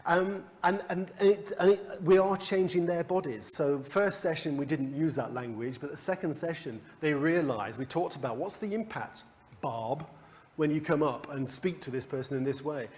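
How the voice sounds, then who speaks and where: A man's voice: on the high side, normal speed, darkish tone. A man leading a coaching workshop for a live group, talking conversationally with restarts and chuckles. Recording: long hall reverb.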